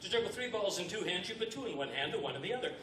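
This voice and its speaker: A man's voice: sits high, expressive, racing. A man performing live comedy juggling and magic on stage, with the playful, feignedly befuddled patter of a kids party magician, in a noisy, echoey recording from far off. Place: stage before a live audience.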